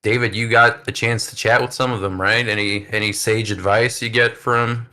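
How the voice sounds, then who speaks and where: Bright-voiced chatty podcast host, a man. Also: fairly low pitch, flat delivery, normal speed. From United States. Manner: chatty, upbeat, many fillers. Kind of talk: casual chat.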